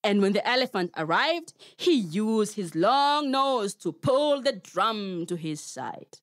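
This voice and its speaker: A woman's voice: medium pitch, very animated, slow, no room sound, clean studio sound. A Kenyan woman telling a story to children, playful and talking straight to her young listeners. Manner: playful, addresses children directly.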